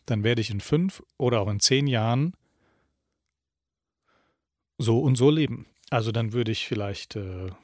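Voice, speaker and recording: A man giving a reflective self-help talk, calmly putting questions straight to the listener. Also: mid-range voice, dry recording, clean studio sound. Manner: calm, addresses the listener directly with questions.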